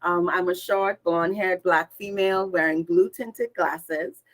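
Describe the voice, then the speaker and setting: Woman, guest speaker, energetic, expressive, video call audio. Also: on the low side, unhurried, rough recording. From Bahamas. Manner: energetic, expressive, listing words in lively runs. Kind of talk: upbeat conversational self-introduction.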